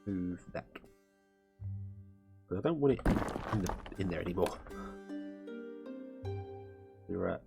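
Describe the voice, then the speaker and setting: This game streamer's voice sits low, with lively intonation, a moderate pace, and vocal fry. He rambles and thinks aloud as he plays and comments live, over background guitar music.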